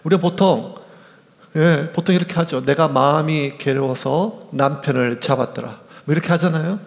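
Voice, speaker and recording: Gravelly-voiced male pastor in a big hall. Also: a little high, normal speed. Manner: animated, acts out quoted voices. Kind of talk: sermon. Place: church sanctuary. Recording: echoey church hall.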